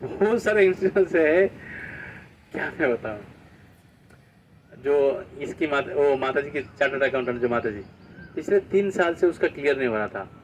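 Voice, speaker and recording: A man's voice: on the high side, lively intonation, normal speed, pauses often. Distant male preacher telling devotional anecdotes. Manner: storytelling, quoting dialogue, rhetorical questions. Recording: distant mic, dull sound, faint street noise.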